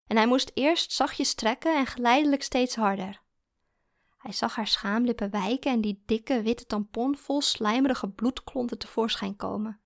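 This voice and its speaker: A woman narrating fiction in a calm, steady audiobook reading. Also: on the high side, creaky.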